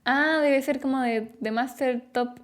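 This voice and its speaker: A clinical psychologist in her late twenties, speaking with a Chilean accent, appears as a podcast guest and explains things reflectively in casual conversation. Her voice is high, steady in tone and unhurried.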